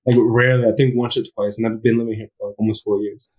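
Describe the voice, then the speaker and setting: A young man talks as a guest on a podcast, thinking aloud in a loose, reflective way. He leans on fillers like "like" and "you know" and restarts often. His voice sits a little low. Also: little pitch movement, fast talker, a little mellow, slightly rough, poor audio. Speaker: guest, footwear designer. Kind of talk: casual interview chat.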